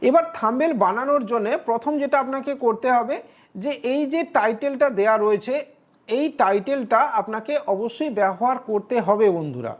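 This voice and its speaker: Walking viewers through a screen tutorial step by step, this tutorial creator speaks in a fairly high, animated voice at a brisk pace. She teaches clearly and often pauses to ask "okay?"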